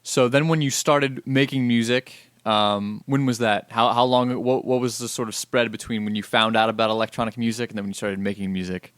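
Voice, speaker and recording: Male podcast host, casual interviewer, smooth resonant voice, middle pitch. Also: fairly quick, few pauses. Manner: relaxed, laid-back questions with fillers.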